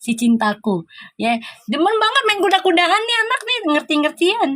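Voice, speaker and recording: Middle-aged female live-stream host, Sundanese-flavored Jakarta accent, high voice, teasing banter. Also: big pitch swings, normal speed, fairly bright tone. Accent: Sundanese-flavored Jakarta Indonesian. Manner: teasing, laughing, playful banter. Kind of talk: casual live-stream chat with viewers.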